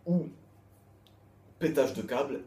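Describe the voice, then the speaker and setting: A manga chapter reviewer speaks in a mid-range male voice, slow and dark in tone, giving a loose, rambling, repetitive review full of restarts and crude slang. The room is echoey, with faint background noise.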